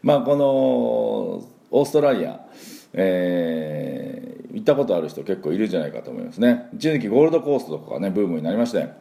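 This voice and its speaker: A man's voice: low-pitched, big pitch swings, fast talker, gravelly, mellow. A man hosting a casual spoken English lesson, chatty with many fillers, modelling words for listeners to repeat. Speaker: English pronunciation teacher, podcast host.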